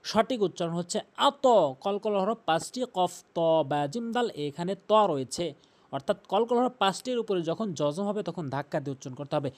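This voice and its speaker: A man's voice: high-pitched, lively intonation, a little mellow. A man teaching tajweed pronunciation, explaining common mistakes and drawing out the recited words, repeating each sound several times. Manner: drawn-out chanted recitation of example words between explanations.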